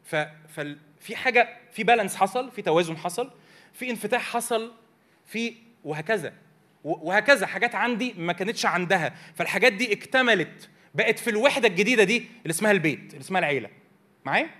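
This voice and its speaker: A man's voice: high voice, expressive, fast, pushed and bright. A man with an Egyptian Arabic accent teaching a church youth meeting from slides, often asking the audience questions. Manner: engages the audience with repeated questions.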